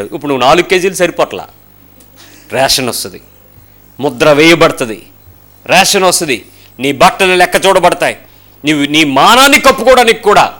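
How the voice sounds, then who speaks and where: A male pastor giving a lively sermon, firing rhetorical questions and acting out voices of the people in his stories. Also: medium pitch.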